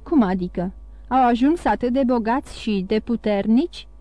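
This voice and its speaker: Woman reading a calm, coaxing priest. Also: a little high, dry recording, natural voice. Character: calm, sly male priest.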